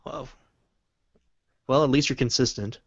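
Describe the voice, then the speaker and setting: A man's voice: medium pitch, unhurried, husky, no echo, lo-fi sound. A man co-hosting a casual livestream, reading out questions and teasing his partner with dry remarks. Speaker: co-host asking questions.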